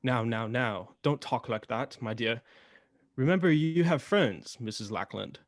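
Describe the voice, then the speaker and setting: A man acting in a radio drama as Doctor Watson, a blustering, kindly, indignant gentleman with old-fashioned turns of phrase. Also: medium pitch, a little slow, lightly acted. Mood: fussy, concerned.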